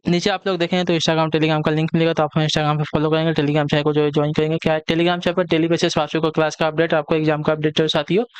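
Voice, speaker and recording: A man's voice: fairly high pitch, clean tone, no room sound. A man teaching an online exam-prep lesson. He repeats each question and answer and keeps checking in with his students.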